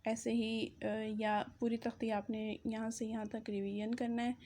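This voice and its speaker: A woman teaches reading by slowly sounding out each syllable with careful emphasis. Her voice sits a little high and stays quite flat in melody. A faint hiss runs under the recording. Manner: drawn-out, emphatic pronunciation drills.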